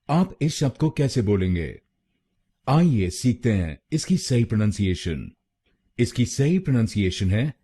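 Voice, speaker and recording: A man with an Indian accent giving a slow, deliberate pronunciation lesson, breaking a word into syllables and repeating each one. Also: on the low side, warm tone, breathy edge. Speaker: pronunciation teacher.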